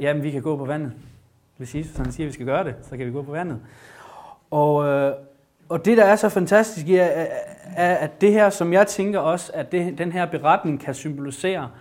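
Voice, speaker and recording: A man giving an informal, enthusiastic sermon with a Bible reading, talking with many fillers and restarts. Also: a little high. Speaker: preacher.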